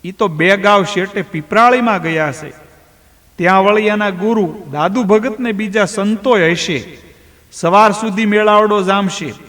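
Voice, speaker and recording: A man's voice: high-pitched, measured pace, a bit bright, pitched above the performer's own voice. A man doing a teasing, nosy villager. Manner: chiding, teasing. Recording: long hall reverb.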